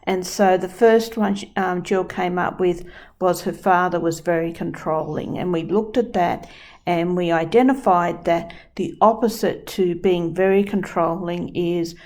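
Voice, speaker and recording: A woman's voice: fairly low pitch, fairly even intonation, a little slow, a little mellow. A woman teaching dream work who talks through a client example step by step. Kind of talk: explaining a dream-work session.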